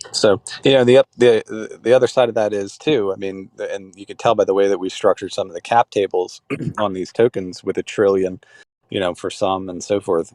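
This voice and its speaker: A man's voice: lowish voice, a little mellow, dry recording, studio quality. A man leading a crypto club call, talking casually and rambling with many restarts and fillers.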